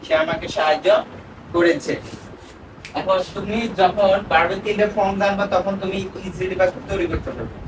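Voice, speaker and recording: In a noisy, echoing room picked up from far away, an English teacher runs an oral grammar lesson, asking his student questions and echoing the replies. His voice is high and steady, and he keeps a moderate pace.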